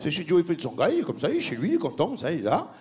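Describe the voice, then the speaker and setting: A man doing a stand-up style comic monologue, mocking and laughing, breaking into squeaky put-on voices. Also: wildly swooping pitch, racing, mellow. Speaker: stand-up comedian.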